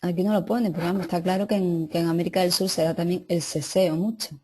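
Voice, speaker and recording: A woman's voice: on the low side, fairly even intonation, fast, darkish tone, husky. A woman teacher reading lesson notes aloud and adding casual asides to her students. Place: classroom or online class.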